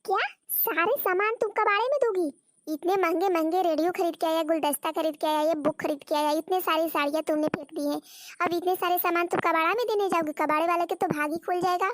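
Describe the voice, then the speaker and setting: A woman's voice: extremely high pitch, fairly even intonation, fast, no echo, studio quality. A woman voicing a nagging, exasperated old mother-in-law in a cartoon story, scolding and repeating herself. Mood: complaining. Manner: scolding, repeats words, calls on God. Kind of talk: Hindi cartoon story voice acting.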